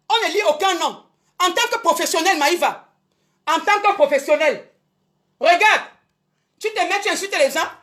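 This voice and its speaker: A woman's voice: very high-pitched, fairly bright tone. A woman promoter speaking on a Facebook live, indignantly repeating herself and addressing her critics directly. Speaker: show business promoter.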